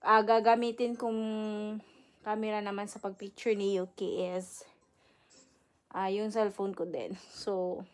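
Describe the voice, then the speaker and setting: At home indoors, a young mother vlogs, chatting casually to her phone camera and cooing baby talk to her infant. Her mid-range voice has little pitch movement, and she speaks a little slowly.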